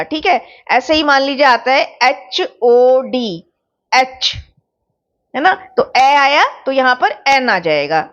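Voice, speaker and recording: A woman with a high voice and an Indian accent teaches English grammar in an online exam-prep lecture. She explains each point slowly and keeps checking that her students follow. The recording sounds a little dull and lo-fi. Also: fairly bright tone.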